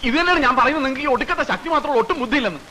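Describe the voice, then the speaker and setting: An actor playing a quick-witted young man in a comedy film, talking rapidly and persuasively. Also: very high voice, lively intonation, crowd noise, rough recording. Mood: urgent, arguing. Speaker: film character in a comedy scene. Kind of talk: film dialogue.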